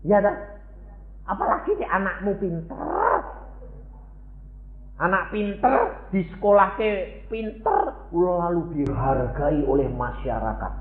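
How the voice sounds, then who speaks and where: A man's voice: high voice, sing-song, takes it slowly. A man around eighty with a Javanese accent preaching a sermon, teasing his congregation with rhetorical questions. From Central Java, Indonesia. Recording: tinny phone-like sound in an echoey hall.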